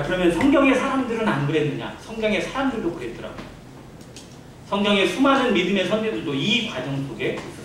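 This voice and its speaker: A pastor giving a Sunday sermon in a church, preaching conversationally and putting rhetorical questions to the congregation. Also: male voice, high voice, fairly bright tone, slight background noise. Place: church sanctuary. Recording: very echoey church hall, from a distance.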